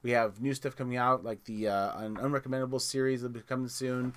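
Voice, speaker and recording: A man hosts a gaming podcast in a loose, casual way. His voice sits at a middle pitch and has a bright edge. He rambles, repeats his starts, and keeps plugging the community. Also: level tone, quick pace. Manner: rambling, restarts words, plugs the community. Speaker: podcast host.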